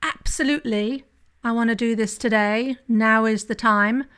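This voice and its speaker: A woman's voice: fairly high pitch, steady tone, moderate pace, fairly bright tone, smooth. A woman hosting a solo podcast, talking candidly and confessionally, with frequent "right?" asides. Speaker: podcast host and drinking coach.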